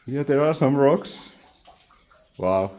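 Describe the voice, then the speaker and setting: Nervous, slow-talking man inside a concrete bunker. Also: medium pitch, lively intonation, darkish tone. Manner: hesitant, nervous. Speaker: vlogger exploring. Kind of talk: casual chat while exploring. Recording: clear ambient noise inside concrete bunker.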